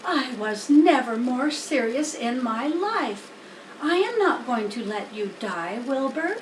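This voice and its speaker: A wise female spider from a storybook, acted by a woman, speaks slowly in a high, motherly voice. She is cool, reassuring and gently firm, heard in a roomy space. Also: very animated, heavily acted. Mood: comforting. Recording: roomy, distant mic, faint background noise.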